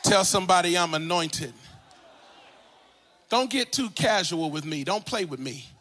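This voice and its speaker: A man pastor preaching a sermon in a church, swinging from soft asides to sung, shouted calls and responses. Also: sits high, animated, measured pace. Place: large church sanctuary.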